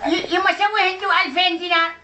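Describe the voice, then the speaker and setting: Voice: very high voice, level tone, quick pace, sharp tone. A prankster voicing a pleading old Iraqi mother with coaxing endearments on a comic prank call in Iraqi Arabic. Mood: wheedling. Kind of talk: prank phone call impersonation. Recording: noisy amateur phone-call recording.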